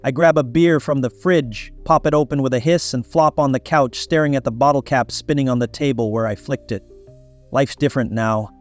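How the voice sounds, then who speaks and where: A man's voice: mid-range voice, normal speed, soft background music. A man narrating a first-person story in a wry, blunt manner.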